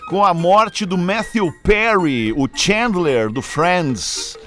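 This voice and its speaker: A man hosting a comedy radio podcast, with a fairly high voice and an easygoing way of talking. He stretches out names when he announces them. Music plays clearly under his voice throughout. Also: animated, slow, a bit bright. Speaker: host reading the day's birthdays.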